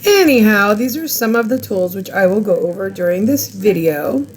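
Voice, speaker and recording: A woman's voice: mid-range voice, expressive, moderate pace, a little mellow. Chatty woman rambling through an art demo. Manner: unsure of product names. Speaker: art channel host. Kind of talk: casual art tutorial chat.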